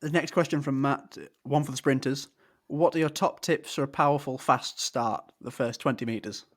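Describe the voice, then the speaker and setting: This is a man with a mid-pitched voice hosting a podcast. He asks his guest questions and talks through his sign-off in a friendly, loose, rambling way. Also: fairly even intonation, moderate pace, fairly bright tone. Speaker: podcast host. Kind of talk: podcast interview and outro.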